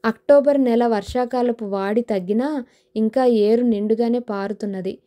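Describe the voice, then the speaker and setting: Mellow woman narrating a novel. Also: on the high side, moderate pace. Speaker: audiobook narrator.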